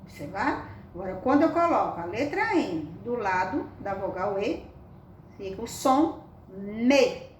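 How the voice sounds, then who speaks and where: A woman with a medium-pitched, very animated voice gives a slow, careful reading lesson to children. She's affectionate and sing-song, coaxing them with questions, and the recording is echoey and distant with faint background noise.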